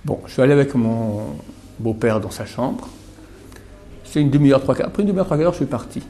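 A man's voice: mid-range voice, lively intonation, a little fast, mellow, a little hiss or hum. A middle-aged man teaching a sermon to a small audience, emphatic and repetitive, dropping to murmurs then rising again. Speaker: religious teacher.

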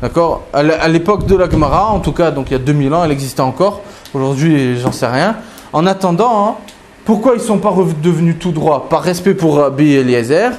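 A man teaching a Talmud story, acting out the quotes with big jumps in pitch. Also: lively intonation, brisk. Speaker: Torah teacher. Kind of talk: lively Talmud story lesson.

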